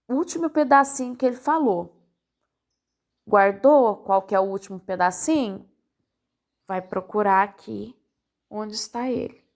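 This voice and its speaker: A woman's voice: fairly high pitch, vocal fry. A woman teacher with a Brazilian accent, patiently walking parents through a worksheet step by step and checking in often. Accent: Brazilian Portuguese. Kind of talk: recorded lesson for parents.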